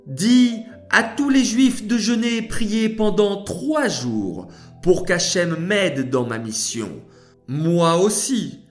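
A man voicing a young queen in a children's story, speaking in a high, pleading tone that turns commanding. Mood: resolute. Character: young queen, frightened then resolute.

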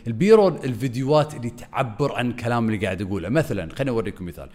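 A man giving an energetic video lesson as a content coach, swinging his voice up and down on purpose. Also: medium pitch, rapid-fire.

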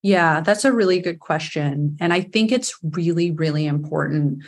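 A woman's voice: low voice, normal speed. A woman with a New York accent, a guest on a podcast interview, explaining earnestly with frequent fillers. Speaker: attachment specialist guest.

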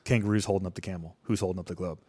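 A man voicing a flustered dad who mutters quietly as he stalls his curious son. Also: low-pitched, steady tone, very fast, slightly rough. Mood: exasperated.

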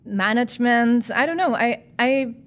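Woman guest, fairly high voice, chatty, hesitant phrasing. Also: lively intonation, measured pace, a bit bright. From Chile. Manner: chatty, searching for words, laughs often. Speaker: guest, former physician and master's student. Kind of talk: podcast interview.

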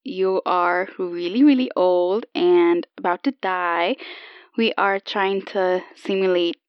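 A woman playing a calm AI copy of an older woman, heard over an old telephone line, explaining patiently and a little haltingly. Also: on the low side, clean tone, dry recording. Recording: dull lo-fi phone sound, dry.

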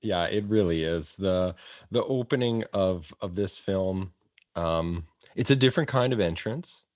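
Man, very deep voice, easygoing, movie podcast co-host, dry close recording. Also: a little mellow, no echo. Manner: easygoing, quick to laugh and agree. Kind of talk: casual movie podcast chat.

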